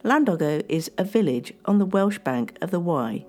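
A woman presenting a radio history show, reading a scripted narration in a measured way that slows down on dramatic lines. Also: on the low side, lively intonation, a little mellow, faint music behind.

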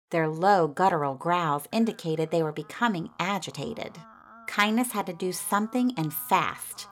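Woman reading a storybook aloud. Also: lowish voice. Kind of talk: storybook narration.

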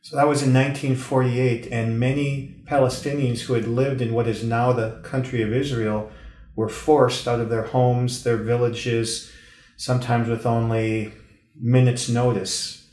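A man's voice: mid-range voice, little pitch movement, unhurried, darkish tone, roomy sound. A man from the United States hosting a show, asking friendly, inquisitive interview questions. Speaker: radio host.

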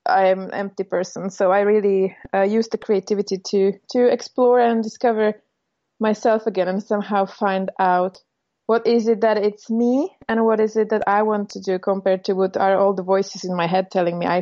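A woman's voice: mid-range voice, level tone, moderate pace, mellow, muffled recording. A woman from the Czech Republic with a Czech accent, a native Czech speaker talking as a podcast guest, thoughtful and hesitant with many fillers. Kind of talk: casual podcast interview.

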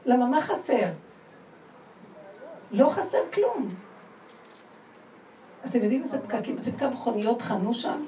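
Woman religious teacher, emphatic and laughing, higher mellow voice, heard from a distance in a roomy space. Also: pauses often. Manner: animated, laughing, emphatic, asks the audience questions. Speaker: spiritual teacher. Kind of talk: religious lecture to a women's group. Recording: roomy sound from far off, faint noise.

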